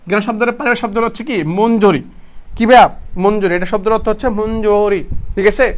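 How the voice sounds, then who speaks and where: A man's voice: sits high, fairly even intonation, quick pace. A young man with a Bangladeshi Bengali accent teaching an online exam-prep vocabulary class. He repeats his questions to the students and corrects himself as he goes. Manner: repeats questions to students, talks to them as "bhaiya"; casual, self-correcting explanations.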